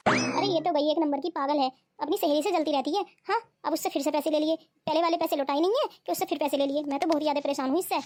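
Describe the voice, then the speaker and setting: A woman's voice: high-pitched, fast, a little mellow, no echo, natural voice. A woman voicing a lazy, hungry husband in a cartoon, who scolds his wife. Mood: grumbling. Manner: scolding, nagging. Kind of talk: cartoon voice acting.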